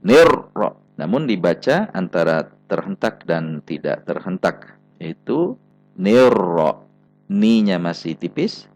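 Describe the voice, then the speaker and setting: A man's voice: sits low, a little mellow, no room sound. A man with an Indonesian accent teaching Quran recitation, patiently repeating example sounds with careful stress. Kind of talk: slow spelled-out recitation lesson.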